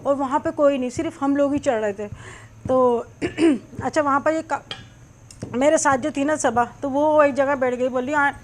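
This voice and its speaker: A woman's voice: sits high, normal speed, a little mellow, a little hiss or hum. A middle-aged woman, host of a cooking channel, chattily telling a long personal story while she cooks, with many small fillers.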